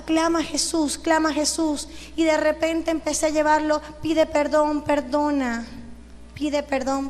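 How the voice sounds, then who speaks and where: A woman's voice: high voice, in a large hall. A young woman telling her testimony as a sermon, acting out what people said and breaking into praise. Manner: emotional storytelling, acting out dialogue, shouts of praise. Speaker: preacher giving a testimony.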